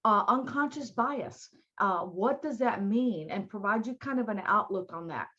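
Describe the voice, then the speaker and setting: A woman's voice: mid-range voice, expressive, normal speed, sharp tone, husky, dull audio. A woman with a Southern American accent, born in New York City and raised in Miami, giving a live online diversity training in a chatty, folksy way that speaks straight to her audience.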